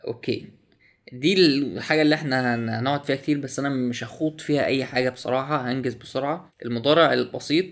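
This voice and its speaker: A man's voice: medium pitch, steady tone, racing. A young man with an Egyptian Arabic accent casually walks through a language app on screen, often exclaiming in surprise. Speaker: YouTuber reviewing a language app.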